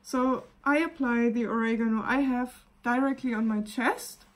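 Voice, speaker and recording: A woman with a German accent, a wellness coach gently talking through a casual live video demonstration and often pausing to search for words. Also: a little high, fairly even intonation.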